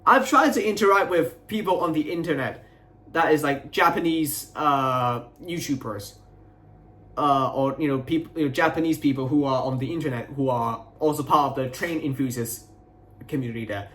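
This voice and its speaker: A young adult man venting to his viewers in a frustrated, aggrieved, unscripted rant, halting and repeating himself as he rambles. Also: on the high side, fairly bright tone. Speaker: video creator.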